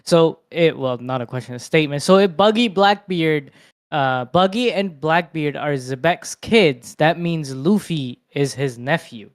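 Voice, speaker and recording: A man's voice: fairly high pitch, lively intonation, unhurried. A man co-hosting a livestream, arguing his point in casual debate and stammering with repeated words. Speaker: livestream co-host.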